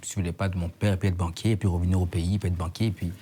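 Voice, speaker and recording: A man in his thirties from Côte d'Ivoire speaks in a fairly low voice. He talks reflectively as an interview guest. He circles back to the same words for emphasis, like lines of a poem. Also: level tone, quick pace, dark tone, husky. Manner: reflective, repeats phrases for emphasis. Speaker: slam poet guest. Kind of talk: casual interview chat.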